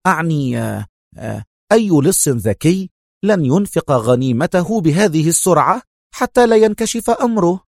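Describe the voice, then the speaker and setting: A man's voice: a little high, big pitch swings, normal speed, gravelly, no echo, clean studio sound, full character voice. A man voicing a touchy young civilian man in an audiobook, speaking in a hesitant, defensive way. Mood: nervous.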